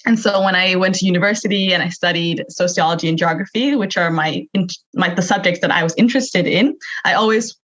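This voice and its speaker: A woman's voice: on the low side, a little fast, hardly any pauses, a bit bright. A young adult woman from Thailand, answering conversationally as a podcast guest. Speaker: podcast guest, youth energy advocate. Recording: dull lo-fi remote recording.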